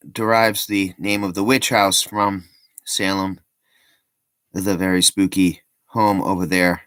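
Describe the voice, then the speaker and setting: A man's voice: low-pitched, fairly bright tone, clear, resonant tone, no echo. A man giving casual, rambling commentary as a vlogger, breaking off with joking asides and plenty of ums and restarts.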